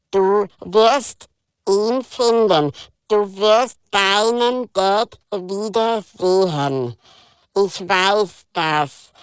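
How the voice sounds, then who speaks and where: A woman voicing a childlike friend in an audiobook, speaking in a very slow, drawn-out high voice. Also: clean tone, no room sound. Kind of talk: audiobook character voice.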